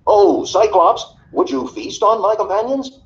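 A man voicing a boastful, defiant sea captain who shouts proud taunts at a giant, heard on a dull recording with faint hiss. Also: high voice, unhurried, vocal fry, pitched above the performer's own voice. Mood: taunting.

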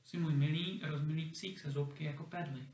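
A man reading a fairy tale, voicing a gentle, homesick young girl with a tender, affectionate manner. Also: a little high, fairly even intonation, a little hiss or hum, close to an everyday voice. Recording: roomy echo, distant mic.

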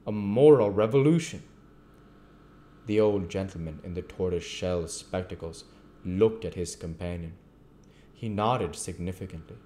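A man reading a classic novel aloud at a measured pace, with the occasional stumble. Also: low voice, dark tone. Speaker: audiobook reader.

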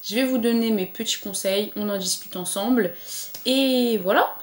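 A woman's voice: on the high side, moderate pace, echoey room, slight background noise. A woman vlogger talking casually to camera, chatty and encouraging, with frequent fillers. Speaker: lifestyle vlogger. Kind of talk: casual motivational chat to camera.

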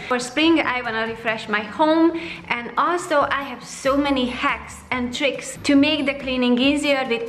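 Chatty woman vlogger, bright and light. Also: sits high. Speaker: home vlogger. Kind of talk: casual cleaning vlog. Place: bright home kitchen, indoors.

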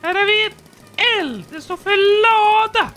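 A man voicing a squeaky, childlike male character who keeps up a fussy, silly running commentary while playing a game. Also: animated, bright, forceful tone, soft background music, exaggerated voice. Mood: chattering.

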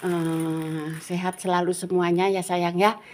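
A woman's voice: lowish voice, level tone, measured pace, darkish tone. An older woman with a Javanese accent, chatting affectionately to viewers in a home cooking vlog, constantly calling them dear. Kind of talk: casual chat while frying crackers. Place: home kitchen. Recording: home phone video with background noise.

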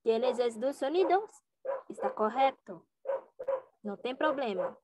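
A young woman with a Brazilian Portuguese accent teaching a Portuguese lesson in Spanish, drawing out each letter sound slowly. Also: a little high, lively intonation, heavy background noise. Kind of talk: slow language lesson.

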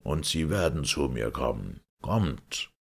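A man with a deep, husky voice reading a mysterious robed stranger, slow and solemn, in a detective audiobook. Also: sing-song, fairly bright tone, heavily acted. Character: mysterious robed male stranger, lofty and chanting.

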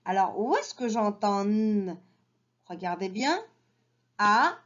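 A woman teaching an early reading lesson to children, repeating each word slowly and breaking it into syllables. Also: mid-range voice, lively intonation, a little mellow. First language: Arabic. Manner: slow, syllable-by-syllable modelling with repeated words. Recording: dull lo-fi sound.

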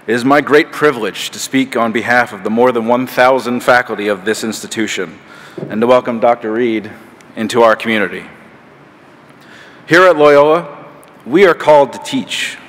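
A man gives a formal podium speech, reading like an academic addressing a ceremony. His voice is medium in pitch and carries the long reverb of a large auditorium. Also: a bit bright. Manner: reading prepared welcome remarks. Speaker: professor, faculty council chair. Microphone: podium microphone.

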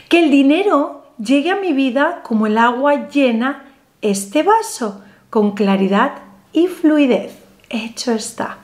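Talking straight to camera, this spiritual vlogger with a high voice walks viewers through easy rituals, lively and full of gestures. She slows right down when stating affirmations, filming in a small room against a painted backdrop.

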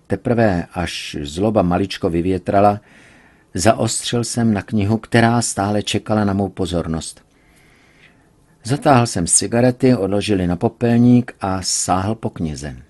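A man reading a serialized novel aloud in measured, even scripted narration. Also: fairly low pitch. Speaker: reader.

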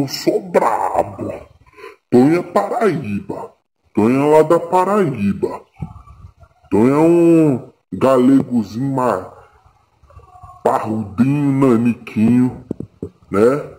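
A man's voice: medium pitch, warm tone, poor audio. A man from Bahia, Brazil, delivering a boastful, taunting rant to the camera and repeating his lines over and over. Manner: taunting, repeats himself, drawn-out slow delivery. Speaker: vlogger.

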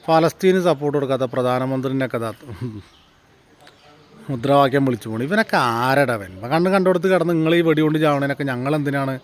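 A man's voice: mid-range voice, fast talker. A man, giving a combative vlog monologue full of rhetorical questions and heated peaks. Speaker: vlogger. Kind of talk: angry political monologue to camera.

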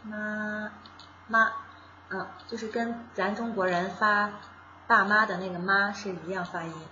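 Woman teaching beginners, bright voice. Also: medium pitch, fairly even intonation, a little slow, echoey room, highs cut off, a little hiss or hum. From China. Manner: patient, explains stroke by stroke and repeats sounds. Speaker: Japanese language teacher. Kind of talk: casual beginner lesson.

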